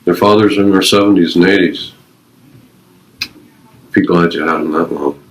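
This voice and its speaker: A retired Navy veteran in his fifties talks at normal speed in a low voice, being interviewed on poor audio with slight background noise. He earnestly shares personal stories and life advice using short, emphatic, repeated phrases.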